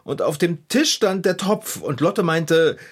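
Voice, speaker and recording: A man playing an excitable, fussy, cake-loving character in a children's radio play, telling his woes dramatically. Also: fairly high pitch, unhurried, breathy edge. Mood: flustered. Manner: dramatic, flustered, whiny storytelling.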